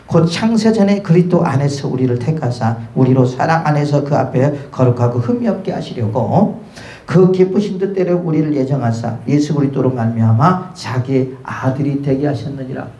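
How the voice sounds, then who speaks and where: A man's voice: mid-range voice, normal speed. A middle-aged man preaching a sermon as pastor, telling stories and acting out the voices in his dialogues. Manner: lively storytelling, acts out dialogue with God and friends. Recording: echoey church room.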